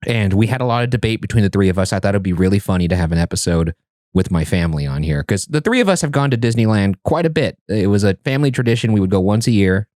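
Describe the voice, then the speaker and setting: A man hosting a podcast from an indoor studio, his voice sitting a little low. He talks casually, with jokey, self-mocking asides. The energy stays loose and animated. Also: fast talker. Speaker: podcast host.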